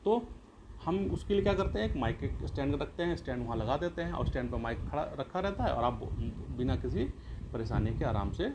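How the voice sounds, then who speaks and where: Animated and fairly quick, a medium-pitched male teacher runs an explanatory class lesson. He keeps reworking his points and putting questions to the room before answering them himself. Background noise is clear.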